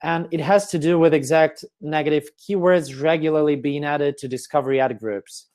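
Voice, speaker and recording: A man with a slightly high voice gives a webinar presentation over his computer mic. He walks through each step in a methodical way, with lots of "uh" and "um", and his voice is turning hoarse. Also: normal speed, a little mellow. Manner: explanatory, step-by-step, with frequent fillers and throat clearing. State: voice getting hoarse. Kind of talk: online conference presentation.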